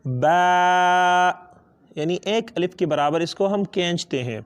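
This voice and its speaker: A man's voice: high voice, animated, a little mellow. A man with a Pakistani accent teaching Quran reading step by step, patiently asking and answering his own questions and stretching out letter sounds. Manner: switches between two languages. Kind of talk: step-by-step lesson.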